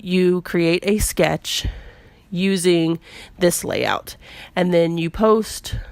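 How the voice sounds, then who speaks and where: A woman with a cold and a squeaky voice, narrating her scrapbooking video in a chatty, self-deprecating way with lots of fillers. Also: creaky, dry recording. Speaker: scrapbooking vlogger. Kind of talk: casual voice-over narration.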